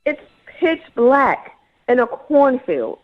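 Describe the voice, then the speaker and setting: A woman's voice: high voice, sing-song, slow, phone-quality sound. A woman calling into a radio show, retelling a bad date in an exasperated, dramatic way. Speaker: caller. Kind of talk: radio call-in chat.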